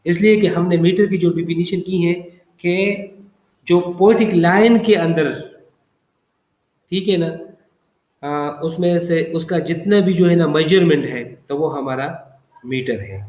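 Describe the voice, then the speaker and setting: A man's voice: a little high, darkish tone, roomy sound. A man teaching English poetry in a classroom lecture, patiently repeating terms and checking in often. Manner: patient, repetitive teaching with frequent check-ins. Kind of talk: classroom lecture explaining poetic feet.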